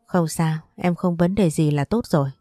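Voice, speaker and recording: A woman's voice: deep voice, normal speed, dark tone, no room sound, clean studio sound, soft background music, natural voice. Woman reading as a blunt young man. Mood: reassuring. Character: young man, protective and sharp-tongued.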